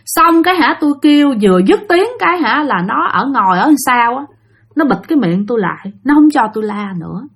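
A woman's voice: high voice, animated, brisk, breathy edge. Chatty Southern Vietnamese woman telling ghost stories. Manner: chatty, addresses listeners directly. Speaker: storyteller host. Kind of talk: casual spoken ghost-story narration.

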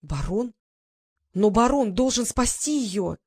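A woman's voice: medium pitch, brisk, a little mellow, dry recording, natural voice. A proud young English lady in an audiobook, voiced by a woman narrator speaks in anxious, agitated bursts. Her lines sound close and dry, with no room around them.

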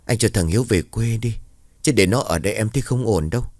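A man's voice: on the low side, fast talker, darkish tone, no echo, clean studio sound. A man voicing a worried young mother, speaking in a raised, pleading tone.

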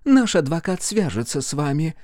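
A man's voice: on the high side, big pitch swings, moderate pace, mellow, no echo, clean studio sound, pitched above the performer's own voice. A man reading a story aloud, voicing a domineering middle-aged mother who speaks curtly and imperiously. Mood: haughty. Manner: curt, imperious, clipped.

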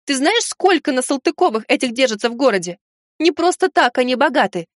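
Guy doing a firm no-nonsense mom, pitched way up high, dry close audiobook sound. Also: very animated, brisk, no room sound. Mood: firm reasoning. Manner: firm, reasoning, lecturing. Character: stern sensible mother, grown woman. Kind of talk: audiobook character voice.

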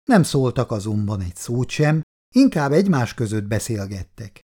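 A man narrating a family story in a measured, low delivery, with a lively, shifting melody. His voice is unhurried and steady as he carries the tale between the characters' lines. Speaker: reader.

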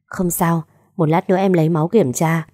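Woman voicing a calm reassuring young doctor. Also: fairly low pitch, fairly quick, no room sound, clean studio sound, lightly acted.

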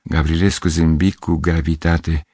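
Deep husky guy reading a story aloud, measured pace, dry close mic. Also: little pitch movement, darkish tone, no room sound. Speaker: narrator. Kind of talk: audiobook reading of a literary story.

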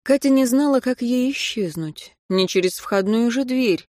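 A woman narrating a novel as an audiobook in a measured storytelling manner. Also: fairly high pitch, lively intonation, a little mellow, no echo, studio quality. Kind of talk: scripted narration.

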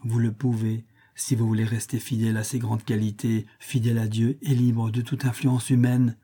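A man's voice: medium pitch, level tone, moderate pace, warm tone, breathy edge, lightly acted. A man voicing a devout young Gothic woman attendant, earnest and pleading in a fervent, preaching tone.

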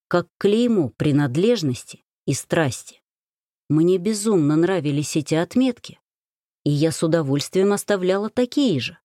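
A woman narrating a romance audiobook in first person, reading in a lively, emotive way. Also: on the low side, dry recording, studio quality. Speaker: audiobook reader.

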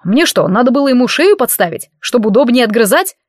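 A woman's voice: a little high, big pitch swings, fast talker, dry recording, clean studio sound. A woman voicing a haughty, sarcastic male elf in armor in an audiobook. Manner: sarcastic, eye-rolling.

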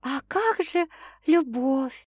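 A woman's voice: high-pitched, very animated, moderate pace, a little mellow, dry recording, clean studio sound, pitched above the performer's own voice. A woman reading an audiobook, voicing a stubborn, teasing young woman in an indignant, insistent manner. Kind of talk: audiobook character voice.

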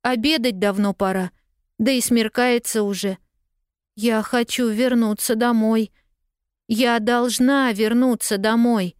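A woman's voice: fairly high pitch, fairly even intonation, takes it slowly, clear, resonant tone, no echo, clean studio sound, pitched above the performer's own voice. A woman voicing a lost young girl who is tearful yet stubbornly cheerful, talking in an eager, pleading way.

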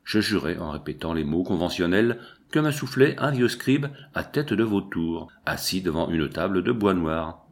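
A man reading a novel aloud as a narrator, with measured storytelling that lifts in pitch and volume for quoted speech. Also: expressive. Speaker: audiobook reader. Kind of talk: scripted narration.

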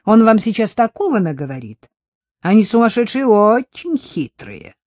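Narrator doing a gruff older orderly. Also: mid-range voice, big pitch swings, moderate pace, darkish tone, no room sound, studio quality, pitched above the performer's own voice, lightly acted. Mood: rough.

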